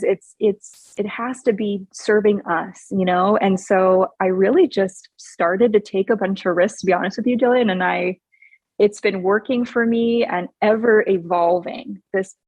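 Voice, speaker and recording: A woman in her forties from Hawaii speaks as a guest on a podcast. She tells her story in an earnest, upbeat manner and laughs often. Her voice sits at a middling pitch, and the recording is dry and close. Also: dry recording. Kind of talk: casual interview chat.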